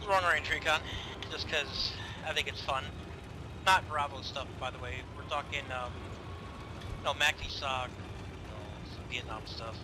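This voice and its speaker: A man talking as a tank commander in a military game, mixing casual, profane chat with military radio callouts over a loud tank engine. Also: measured pace. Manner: profane, conversational. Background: loud tank engine rumble.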